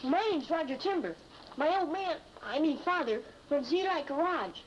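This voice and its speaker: An actor playing an earnest, slangy American schoolboy who leads a kids' gang in a 1950s TV detective drama. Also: male voice, very high-pitched, expressive, moderate pace. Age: child or young teen. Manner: earnest, slangy, polite boyish. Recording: muffled vintage TV soundtrack, faint noise.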